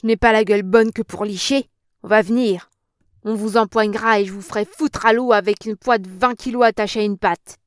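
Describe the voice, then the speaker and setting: A woman's voice: on the high side, normal speed, a little mellow, smooth, no echo, studio quality, close to an everyday voice. A woman reading an audiobook, voicing a fat, coarse old procuress with an oily, throaty voice who blusters, then shrieks and whimpers in fear. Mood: threatening.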